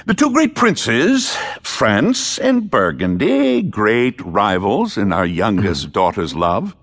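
A man's voice: lowish voice, sing-song, takes it slowly, a bit bright, heavily acted. An actor playing an old king, grand and commanding yet doting, in a theatrical Shakespearean audio drama. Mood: regal, amused. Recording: long hall-like reverb.

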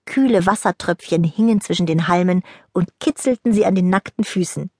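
A woman narrating a children's audiobook in a lively storytelling manner, close to the mic. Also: on the low side, a little fast, dry recording. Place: dry recording booth. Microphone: close studio mic.

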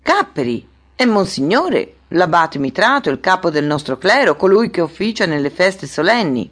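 A woman reading an audiobook, voicing a proud local male lieutenant who speaks slowly and emphatically. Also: high voice, sing-song, fairly bright tone, exaggerated voice.

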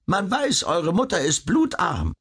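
Man playing a stingy old doctor, small, grasping, mocking, pitched up, husky, storybook. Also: wildly swooping pitch, unhurried, a bit bright, heavily acted.

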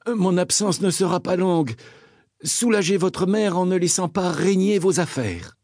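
A man's voice: sits high, lively intonation, moderate pace, darkish tone, dry recording, studio quality, pitched above the performer's own voice. A man voicing a hot-tempered prince who mangles his words, exclaiming in a raised voice. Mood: cheerful. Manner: wordplay-laden, exclaiming.

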